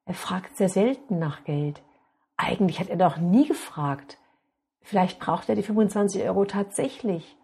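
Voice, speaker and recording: A woman hosting a podcast, calmly addressing her listeners and narrating a story. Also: mid-range voice, normal speed, breathy edge. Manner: calm, addresses listeners directly. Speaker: podcast host.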